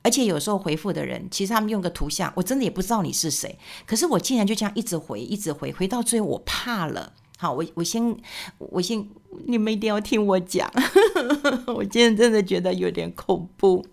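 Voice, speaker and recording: A woman's voice: medium pitch, lively intonation, fast, gravelly. A woman host, talking in a casual, chatty monologue full of little tag particles and fillers. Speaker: podcast host.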